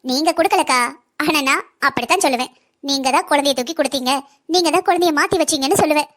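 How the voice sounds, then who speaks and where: A woman's voice: high-pitched, fast talker, a bit bright. A woman voicing a scheming young cartoon villainess who swapped a baby, sly and mocking. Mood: taunting. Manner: sly, taunting, mocking politeness. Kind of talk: cartoon voice acting.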